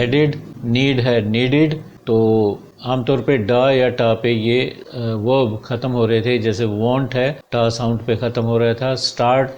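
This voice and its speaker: Slow-paced male phonetics teacher. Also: mid-range voice, darkish tone. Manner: slow, repeats example words one by one to drill them; addresses students directly as dear students. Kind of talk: classroom explanation in Hindi with English terms.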